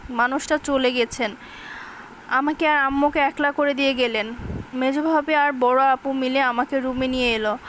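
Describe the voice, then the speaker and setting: A woman's voice: sits high, steady tone, normal speed, fairly bright tone, a little hiss or hum. A woman narrating a grief-stricken short story in an emotional audiobook reading, giving voice to the wailing characters as well.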